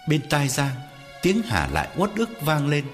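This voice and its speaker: A man narrating a Vietnamese horror story with an expressive storyteller's manner. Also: on the high side, moderate pace, faint music behind.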